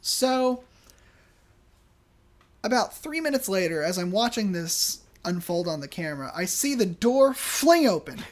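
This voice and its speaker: A podcast host casually telling a work story, animated and chatty, acting out the people in it. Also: mid-range voice, unhurried. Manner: chatty, many fillers and restarts.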